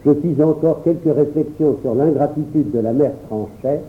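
A man giving an expressive first-person storybook narration as an audiobook reader. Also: a little high, moderate pace, slight background noise. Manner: expressive, lively reading. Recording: tinny phone-like sound.

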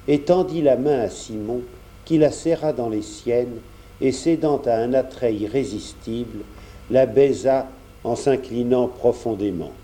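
A man reading a classic novel aloud in a measured, even storybook narration. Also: medium pitch.

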